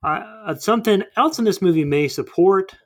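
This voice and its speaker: A man's voice: high voice, animated, normal speed. A man chatting casually about a movie, rambling and thinking aloud with lots of fillers.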